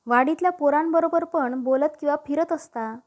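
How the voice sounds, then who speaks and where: A sly middle-aged gossip leans in, as a woman reads her, dripping hints in a confiding, insinuating tone. Her voice sits high and light, and this is a spoken storybook. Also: moderate pace, a little mellow, natural voice.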